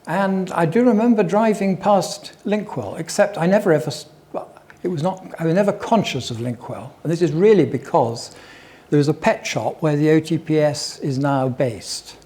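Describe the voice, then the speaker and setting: An older man tells stories to an audience in a chatty, wandering way, dropping in wry asides. His voice sits a little high for a man, but its tone is soft and mellow. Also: normal speed. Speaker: guest speaker at a local history talk. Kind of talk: anecdotal public talk.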